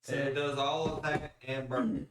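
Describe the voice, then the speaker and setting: A man's voice: mid-range voice, level tone, a little slow, slight background noise. A man playing a tabletop game who suggests ideas and often stops and restarts his sentences. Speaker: player. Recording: echoey room, away from the mic.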